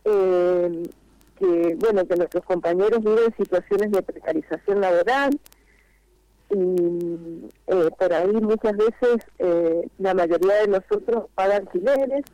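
A woman speaking over a phone line on speakerphone, calling in to a radio interview as a vendors' spokesperson. She explains at length, earnestly, with frequent pauses. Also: medium pitch, dark tone, no room sound.

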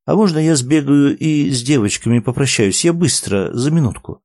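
A man's voice: medium pitch, animated, normal speed, a little mellow, dry recording, clean studio sound, voice pushed up. A man voicing a polite, eager little girl in a storybook reading.

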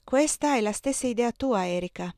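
A woman reading the part of the worried mistress of a household, who asks sharp, commanding questions, in a dry close recording. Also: fairly high pitch, lively intonation, moderate pace, no echo, voice pushed up, close to an everyday voice.

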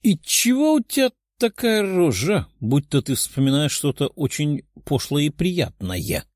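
A man voicing a brash, tipsy young phoenix princess who shouts and teases in an audiobook. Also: a little high, sing-song, measured pace, dry recording, studio quality. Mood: mocking. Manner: loud, boastful, teasing.

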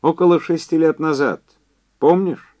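A man reading an audiobook, voicing a middle-aged man on the phone who speaks with bitter, insinuating irony in a noticeably higher, louder voice than his own. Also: steady tone, unhurried, natural voice. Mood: confiding. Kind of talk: audiobook character voice.

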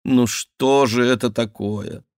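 A man's voice: medium pitch, fairly even intonation, slow pace, a little mellow, no echo, clean studio sound, pitched above the performer's own voice, natural voice. A man voicing a wheedling royal duke in an audiobook, his tone coaxing and ingratiating. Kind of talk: audiobook reading.

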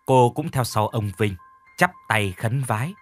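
A man narrating a ghost story for an audiobook, with a dramatic, expressive delivery that slows and speeds for suspense. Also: mid-range voice, soft background music.

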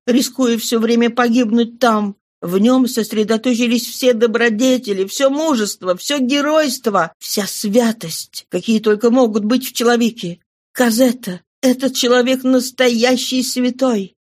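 A woman's voice: on the high side, measured pace, darkish tone, voice pushed up. A woman voicing a passionate young man in an audiobook reading, speaking with emphatic insistence. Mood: fervent. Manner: emphatic, impassioned.

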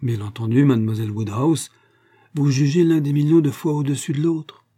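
A man's voice: mid-range voice, fairly even intonation, a little fast, dark tone, voice pushed up, close to an everyday voice. A man voicing a shy, hopeful young woman confiding her love in a read-aloud novel, speaking eagerly.

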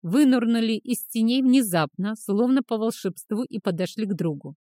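A woman narrating a fantasy audiobook in a steady, even reading voice. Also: a little high, normal speed, dry recording, studio quality.

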